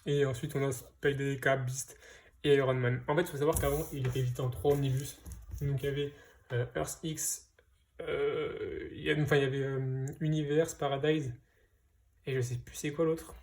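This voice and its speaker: Speaking at a normal speed in a level, slightly mellow mid-range voice, a vlogger chats casually about his new comic books. He hesitates a lot, with frequent fillers and false starts.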